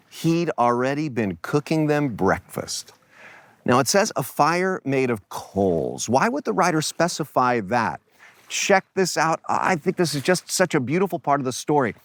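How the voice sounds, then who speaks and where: A man retells a scripture story as a devotional teacher, musing and reflective. He talks at an unhurried pace, his pitch rising and falling freely. The sound is close and dry. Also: dry recording. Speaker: Bible teacher.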